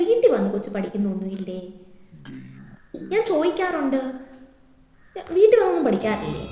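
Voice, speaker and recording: A woman's voice: a little high, warm tone. A woman playing a chatty, nosy class teacher at a parents' meeting who repeats herself a lot, in a comic sketch monologue. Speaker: comedy sketch performer. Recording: echoey room, faint noise.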